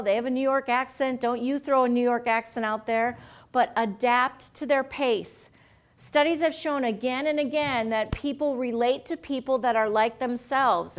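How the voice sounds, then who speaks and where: A woman leading a customer service training session, lively and acting out short role-play lines for her trainees. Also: sits high. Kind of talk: staff training talk with role-play examples.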